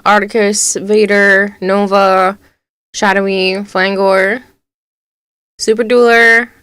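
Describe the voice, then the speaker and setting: A woman's voice: medium pitch, flat delivery, slow pace, clean tone, dry recording. Woman streamer on a clipping, distorted mic. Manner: greets chat loudly while playing. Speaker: game streamer. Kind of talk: casual live-stream chat.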